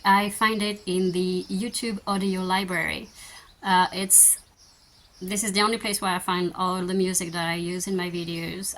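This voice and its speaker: A woman in her thirties with a French accent, French native, chatting gently and thoughtfully as she answers viewer questions in a slow-living vlog. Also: fairly low pitch, a little hiss or hum. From France. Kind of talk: casual Q&A chat.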